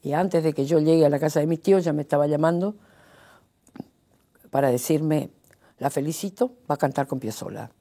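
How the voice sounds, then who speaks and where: Low, husky Correntino woman. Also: a little fast, long pauses. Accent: Correntino Argentine Spanish. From Corrientes, Argentina. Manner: animated anecdotes, acts out quoted dialogue. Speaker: singer, interview guest. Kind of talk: conversational interview storytelling.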